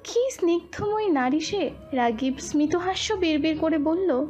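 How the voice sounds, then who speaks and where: High-voiced woman reading a romance story. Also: a little slow, darkish tone, soft background music. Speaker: voice artist, storyteller. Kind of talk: dramatic romance story narration.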